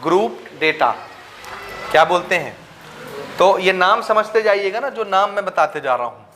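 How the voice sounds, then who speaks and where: A high-pitched man teaches a maths lesson, counting numbers aloud and checking again and again that his students understand. A faint hiss sits behind his voice. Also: lively intonation, normal speed, bright, forceful tone. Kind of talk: classroom lecture.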